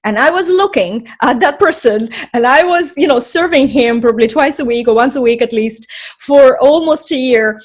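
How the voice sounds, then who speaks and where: A woman in her forties from Estonia speaks as a podcast guest. Her voice sits a little high, and she tells her story in a chatty, animated way, full of fillers. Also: normal speed. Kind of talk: casual storytelling in an interview.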